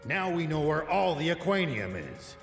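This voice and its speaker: A man voicing a calm, cautious companion in a video game. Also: a little high, normal speed, gravelly. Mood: focused. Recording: echoey hall, game music behind.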